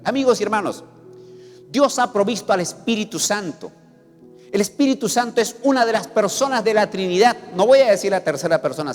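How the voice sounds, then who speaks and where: Male pastor, high lively pitch, emphatic sermon delivery, long church reverb with faint music. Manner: emphatic preaching, sweeping pitch, acts out scenes. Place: church hall.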